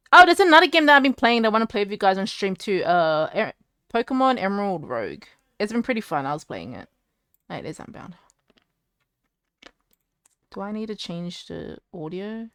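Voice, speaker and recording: A woman's voice: medium pitch, huge pitch swings, normal speed, pauses often, fairly bright tone, clear, resonant tone, no echo. A woman streaming from home, chatting casually and rambling to her chat while fixing her setup, close to a desk mic.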